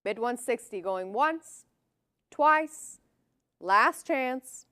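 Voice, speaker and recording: A woman's voice: fairly high pitch, lively intonation, extremely slow, bright, forceful tone, clean tone, no room sound, clean studio sound. A woman working as an auctioneer, calling lots and bids in a formal, clipped, repetitive manner.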